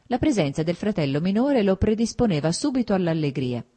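A woman narrating a classic novel as an audiobook in a measured, even reading. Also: mid-range voice, breathy edge.

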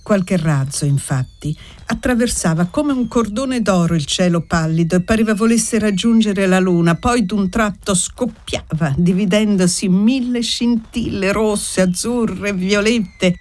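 A woman narrating a literary audiobook in a measured, deliberate way. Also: mid-range voice, a little mellow. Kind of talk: audiobook reading.

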